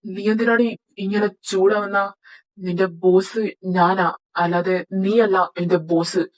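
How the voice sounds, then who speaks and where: A woman's voice: medium pitch, steady tone, a little slow, close to an everyday voice, poor audio. A woman voicing a rude, short-tempered young male boss who scolds his assistant. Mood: domineering. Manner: scolding, domineering. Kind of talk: Malayalam fan audio drama.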